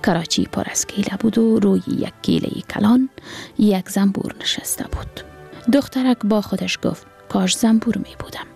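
A woman with an Afghan Dari accent reading a story aloud in soft, near-whispered narration. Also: mid-range voice, creaky, faint music behind.

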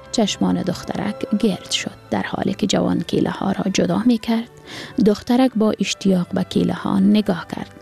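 A woman with an Afghan Dari accent reading a story aloud in soft, near-whispered narration. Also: mid-range voice, gravelly.

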